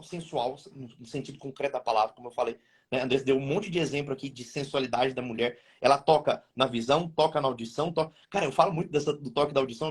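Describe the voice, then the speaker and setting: A man's voice: fairly high pitch, slightly rough. A Brazilian man hosting a live stream from his home, giving blunt, slangy marriage advice to men. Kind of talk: casual advice talk on marriage.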